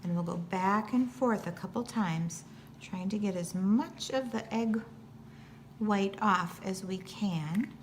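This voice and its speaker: An American woman teaching a cooking demonstration walks through each step patiently in plain, simple language. Her voice is medium-pitched and slow, and there's noticeable background noise.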